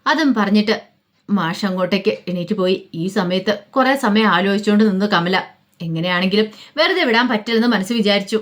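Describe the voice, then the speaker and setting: A woman's voice: medium pitch, a little fast. A woman casually retelling a family drama in loose, chatty narration, slipping in fillers and quoted dialogue. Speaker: storyteller.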